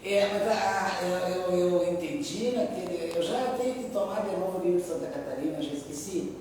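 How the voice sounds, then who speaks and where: A woman's voice: lowish voice, fairly quick, darkish tone, slight background noise. A woman in a group discussion, speaking hesitantly with restarts and frequent agreement. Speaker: course participant. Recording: echoey room, distant from mic.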